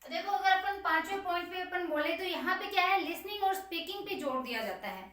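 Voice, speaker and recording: Woman teacher, high voice, patient step-by-step explainer who slowly dictates key points; heard from a distance. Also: expressive, pushed and bright. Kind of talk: exam-prep lecture on teaching methods. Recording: very echoey room, voice from a distance.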